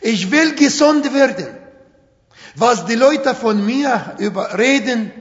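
A middle-aged native Arabic speaker preaches slowly and emphatically in imperfect, accented German, his fairly high voice showing lively intonation and a fairly bright tone. The audio is dull, with a long church-hall reverb.

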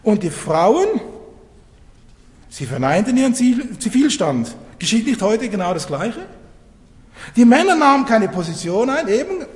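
Middle-aged male preacher, animated and high-pitched, conversational sermon in a reverberant church hall. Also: measured pace, pauses often. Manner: lively, conversational, asks the congregation questions.

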